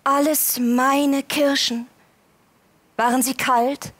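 A feverish young invalid murmurs the same few words again and again, as a woman reads him aloud. His voice sits fairly high and drags slowly. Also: fairly bright tone. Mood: fretful. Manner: breathless, fixated repetition. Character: feverish sick young man, fretful, whispering.

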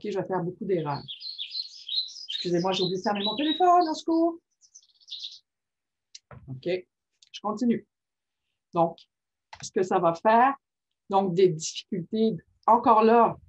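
The recording is muffled and lo-fi, with slight background noise, as a woman with a lowish voice gives an informal teaching talk. A workshop presenter on reading disorders, she stays lively and keeps checking in with "ok?"

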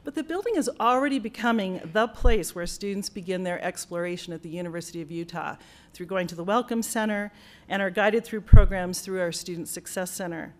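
A woman from the United States, a college dean, gives a formal dedication speech for a building in a university auditorium. Her voice is on the low side and fairly quick, and she sounds earnest and grateful, with frequent fillers and restarts.

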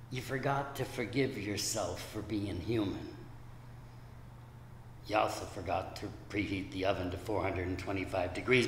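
A man's voice: medium pitch, fairly bright tone, a little hiss or hum. A middle-aged man performing spoken word poetry in a wry, playful manner. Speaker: poet. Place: community room, indoors. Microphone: stand mic. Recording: echoey room with long reverb.

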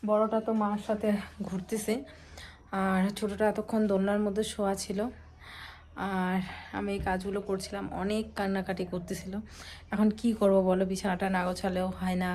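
A young woman talking quietly and casually to her viewers while doing chores at home. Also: mid-range voice, a little hiss or hum. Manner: soft-spoken, chatty, addresses viewers directly. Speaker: vlogger. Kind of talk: casual vlog narration.

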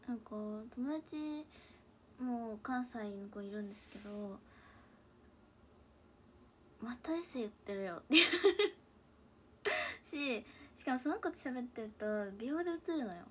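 A young woman with a mixed Hakata and Kansai dialect chats casually into a tablet in her room at home. Her voice sits a touch high, and she keeps slipping into quiet murmured asides to herself. A faint hiss runs under her voice. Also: expressive, unhurried. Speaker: idol livestreamer. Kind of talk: casual livestream chat. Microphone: tablet or phone device.

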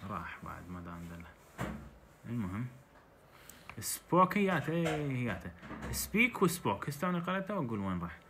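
A man with an Iraqi Arabic accent teaches English by reading a textbook story, slowly voicing the English lines before translating them into dialect. His medium-pitched voice is very animated, with background noise behind it.

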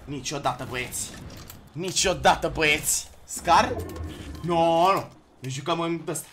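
Excitable young male game streamer. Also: on the high side, over music. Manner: excitable, shouts at opponents and chat. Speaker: gaming streamer. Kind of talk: live game commentary. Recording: noisy background.

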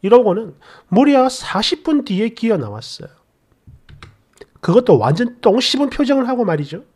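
A woman's voice: on the high side, very animated, normal speed, darkish tone, husky. A woman narrating a personal story in a casual, exasperated, conversational way.

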